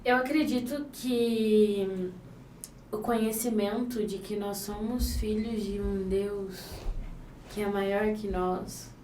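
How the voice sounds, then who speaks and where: A young woman guest speaks earnestly and reflectively on a podcast, at a middle pitch. The room echoes around her, and she sits somewhat away from the microphone, with faint noise behind. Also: mellow, far from the mic. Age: 20s. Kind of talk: casual podcast chat.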